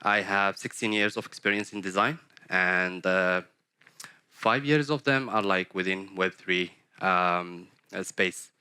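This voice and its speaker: A man's voice: sits low, measured pace, sharp tone, clean tone, no echo. A man from Morocco hosting a design workshop, speaking with frequent hesitations and fillers. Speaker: workshop host, head of design. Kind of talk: workshop presentation. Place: conference workshop room.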